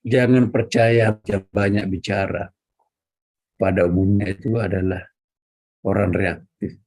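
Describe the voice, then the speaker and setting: A man preaching a religious lecture, speaking directly to his listeners and repeating key words for emphasis in a measured, teaching delivery. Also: on the low side, fairly even intonation, darkish tone. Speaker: Islamic preacher.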